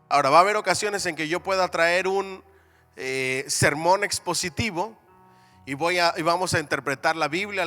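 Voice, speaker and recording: A man's voice: on the high side, bright, forceful tone. A man teaching a Bible seminary class in a church hall, calling on the class to answer, repeat after him and say amen. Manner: call-and-response, asks the class to repeat; reads scripture aloud with emphatic rises.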